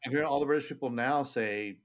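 A man's voice: medium pitch, quick pace. A man co-hosting a podcast, casual and joking, a bit sheepish. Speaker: podcast co-host. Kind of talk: casual chat.

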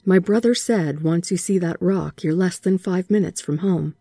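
Lady reading a laid-back teen boy, offhand, kinda low and mellow. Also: moderate pace, slightly rough, dry recording. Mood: easygoing. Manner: casual, offhand, says "man".

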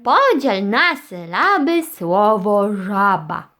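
A woman's voice: medium pitch, animated, drawn-out words, a bit bright. A young woman teaching a small child in a children's lesson, patient and encouraging as she guides step by step. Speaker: children's educator.

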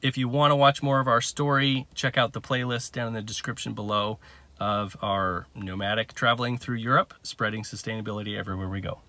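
A DIY renovation teacher with a low voice gives casual, fairly quick instructions, relaxed and step by step with fillers. He films on a phone camera, often held while he works, first from a car and then indoors at a house under renovation.

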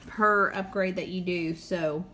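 A woman's voice: lowish voice, steady tone, a little slow, pushed and bright, a little hiss or hum. A woman in her thirties with a Tennessee accent, hosting a casual snack unboxing and reading out the product blurbs. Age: 30s. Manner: reads out product blurbs, asks questions. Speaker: host.

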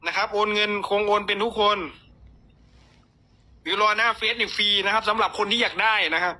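A man with an Isan Thai accent, hoarse from a cold, casually chatting with viewers on a lottery tips livestream and reading numbers aloud. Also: sits high, steady tone, fairly quick, pushed and bright.

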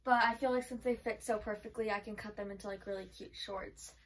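A woman's voice: medium pitch, fairly even intonation, a little fast, distant mic, rough recording. A woman vlogger chatting casually through a try-on haul, filling her talk with frequent "like". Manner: chatty, filler-heavy with frequent "like". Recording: voice from away from the mic.

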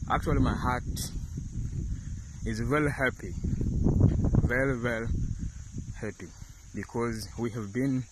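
A man's voice: mid-range voice, unhurried, pauses often. A young Tanzanian man giving an earnest testimony with many fillers, filmed outdoors on a phone held close. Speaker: church member giving testimony. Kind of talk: selfie video testimony. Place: outdoors in rural countryside. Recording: outdoor insects and noise.

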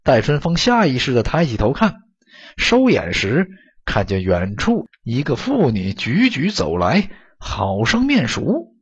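A man narrating an audiobook story in an expressive, dramatic storytelling manner, on a dull lo-fi recording. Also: medium pitch, a little slow, slightly rough.

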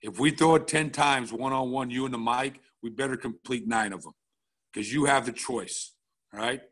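A man's voice: mid-range voice, normal speed, a bit bright. A middle-aged man, a football coach, walking through game film at a coaching clinic in a blunt, casual way, checking in often with "all right?".

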